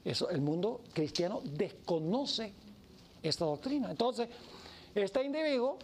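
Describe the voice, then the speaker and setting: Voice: mid-range voice, big pitch swings, measured pace, darkish tone, slight background noise. A preacher giving an emphatic sermon who acts out the voices of the story.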